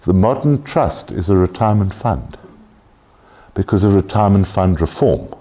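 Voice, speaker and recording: A man's voice: deep voice, animated, moderate pace, warm tone. A man lecturing a class on tax, blunt and joking, swearing casually.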